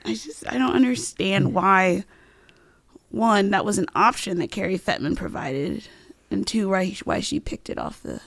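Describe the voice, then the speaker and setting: Soft-spoken woman with a gravelly edge. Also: medium pitch, very animated, measured pace, no room sound. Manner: soft-spoken, never raises her voice. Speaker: podcast co-host. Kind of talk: casual podcast chat.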